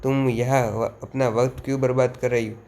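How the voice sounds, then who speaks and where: A man reading the lines of a curt, impatient young male swordsman in a flat retelling of manga dialogue. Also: medium pitch, normal speed, gravelly, close to an everyday voice.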